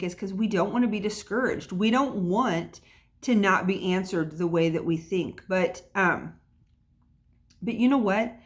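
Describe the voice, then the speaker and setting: Chatty woman hosting a devotional talk. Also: on the low side. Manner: chatty and encouraging, many fillers. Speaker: podcast host. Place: at home by an open window.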